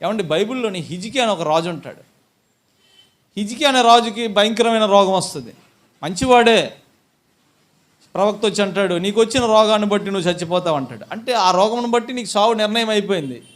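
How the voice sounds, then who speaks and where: A man preaching a sermon as pastor, putting questions to his congregation and answering them himself, and building to loud emphatic peaks. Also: sits high, animated, fairly quick, pauses often.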